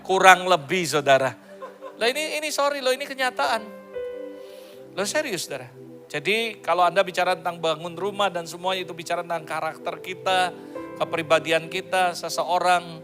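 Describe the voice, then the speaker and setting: A man's voice: sits high, brisk, over music. A male pastor preaching a sermon in a playful, joking way, slipping English phrases into his talk.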